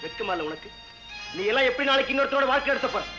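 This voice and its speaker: A man's voice: very high voice, lively intonation, rapid-fire, lo-fi sound, music in the background. An actor playing an elder brother who lectures his sister sternly and then coaxes her playfully, in a 1970s film drama. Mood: scolding.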